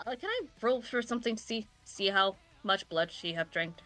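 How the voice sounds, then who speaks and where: A woman playing a tabletop game, describing her character's actions in an excited, rambling way. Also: medium pitch, normal speed, soft background music. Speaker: player.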